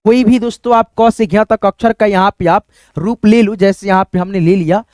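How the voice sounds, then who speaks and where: A male teacher giving a casual writing lesson, explaining slowly step by step and asking questions that he answers himself. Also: high voice, steady tone, darkish tone, no room sound, clean studio sound. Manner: explains slowly and step by step, says "friends" often, asks then answers himself.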